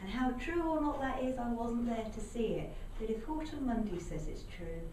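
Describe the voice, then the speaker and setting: A woman telling a local folk story aloud to a live audience, in a lively, animated way. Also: a little high, moderate pace. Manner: lively, animated, voices characters. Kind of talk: live oral storytelling performance. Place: indoor storytelling venue. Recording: echoey room, mic far off, faint background noise.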